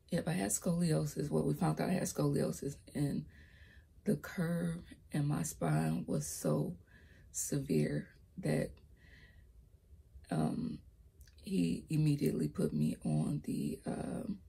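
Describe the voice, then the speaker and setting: A young woman with a low, raspy voice tells her life story in a casual vlog recorded on a laptop's built-in mic. She speaks hesitantly, stumbles over words and slips into soft whispered asides, and her voice cracks when she gets louder.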